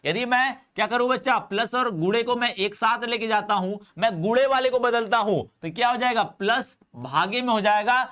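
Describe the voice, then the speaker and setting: High-pitched chemistry teacher coaxing students. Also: male voice, pushed and bright. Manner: affectionate, repetitive coaxing of students. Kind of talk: online coaching class lecture.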